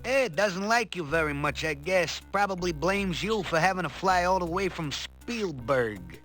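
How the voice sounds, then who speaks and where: A man's voice: high voice, expressive, measured pace, a bit bright. A man voicing a cheeky, sarcastic sidekick who cracks jokes. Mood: wisecracking. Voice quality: joking, sarcastic. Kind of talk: game voice acting. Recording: game audio with faint music.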